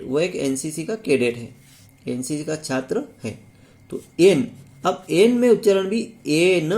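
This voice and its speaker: A man with a fairly high, mellow voice and a Hindi accent teaches English grammar in a classroom-style video lesson. He repeats key words and poses rhetorical questions.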